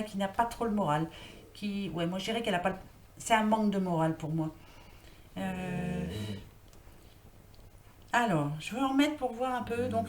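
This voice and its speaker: Speaking in a medium-pitched, darkish voice, a woman talks her way casually through a tarot reading, wandering and musing aloud with lots of fillers. A built-in computer mic picks her up in an echoey room, with faint background noise.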